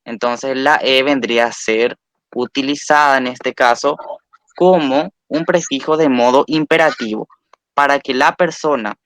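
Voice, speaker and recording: A man's voice: mid-range voice, a little slow, fairly bright tone, dry recording. A man teaching a recorded language lesson, patiently spelling out sounds and repeating example words.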